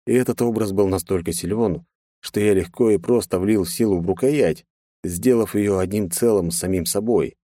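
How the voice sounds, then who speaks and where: A man narrating a first-person fantasy story in an even, storytelling manner. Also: lowish voice, normal speed, no room sound, clean studio sound. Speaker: audiobook narrator.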